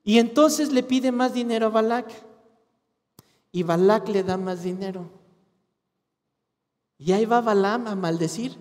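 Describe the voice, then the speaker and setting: A man, a pastor with a Mexican Spanish accent, preaching a sermon in an animated, colloquial storytelling way. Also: high voice, unhurried, pauses often. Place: church hall. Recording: long hall reverb.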